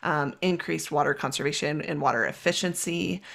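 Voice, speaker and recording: A guest expert with a gravelly, creaky edge walks through policy details in a measured, methodical way. They list items one after another and fill pauses with frequent "um"s in a relaxed podcast chat. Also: mid-range voice. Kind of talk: explanatory podcast conversation.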